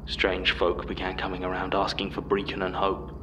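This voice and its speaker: A middle-aged man reading a scripted horror statement in a measured, hushed way. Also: low-pitched, completely flat delivery, background noise.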